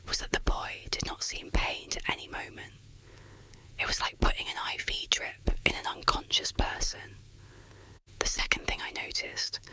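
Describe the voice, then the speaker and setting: A person whispering a scary story as ASMR narration, in short, deliberate phrases with no voiced tone. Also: sits high, bright, forceful tone, poor audio. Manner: whispering throughout, unvoiced.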